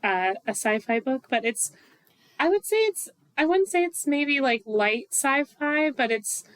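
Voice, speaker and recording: A woman's voice: high-pitched, lively intonation, measured pace, a bit bright, no room sound. A woman co-hosting a podcast, talking in a chatty, enthusiastic way with lots of fillers. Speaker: podcast co-host. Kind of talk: casual podcast chat.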